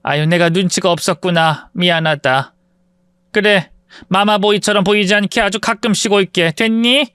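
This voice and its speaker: A man's voice: high voice, normal speed, bright, forceful tone, smooth, no room sound, studio quality, pitched above the performer's own voice. A man voicing a worried, fussy middle-aged mother in a spoken story, pleading with her son in a raised voice. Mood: fretful. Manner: pleading, fretful.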